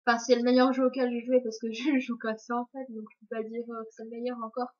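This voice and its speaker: A young woman with a slightly high voice rambles through viewer questions in a casual vlog. She trips over her words and laughs at her own slips. The sound is dull and lo-fi, like a cheap webcam mic. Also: level tone, fast talker, darkish tone. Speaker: vlogger answering viewer questions. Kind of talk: casual chat to camera.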